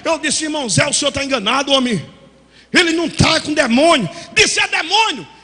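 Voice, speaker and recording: High, bright-voiced fervent preaching man. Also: lively intonation, brisk. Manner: fervent, often shouting. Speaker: pastor. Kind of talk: storytelling sermon. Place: church hall. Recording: echoey church hall reverb.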